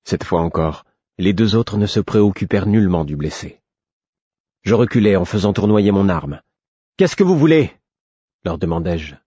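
A man narrating a novel in the first person, in a measured, even storytelling manner. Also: low-pitched, breathy edge, no echo, highs cut off. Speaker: audiobook narrator.

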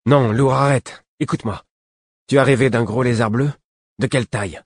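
A man's voice: sits low, moderate pace, slightly rough, no echo, clean studio sound. A man voicing an earnest fifteen-year-old prince in an audiobook, speaking with youthful energy. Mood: urgent. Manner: eager, then suddenly grave. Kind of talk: audiobook character voice.

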